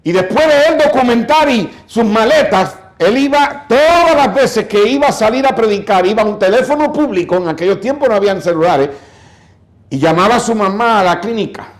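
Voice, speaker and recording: In church, a pastor preaches with a high, animated voice at a brisk pace, dramatically telling a story and acting out quoted voices. He also scolds and exhorts his listeners, and the room echoes.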